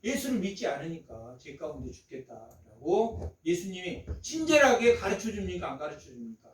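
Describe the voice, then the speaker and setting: A pastor delivering a Sunday sermon in a notably high-pitched male voice. He drives his points home by repeating phrases and firing rhetorical questions at the congregation. The sound is roomy and slightly distant, as if picked up from across a church sanctuary. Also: very animated, moderate pace. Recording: echoey church hall, mic at a distance.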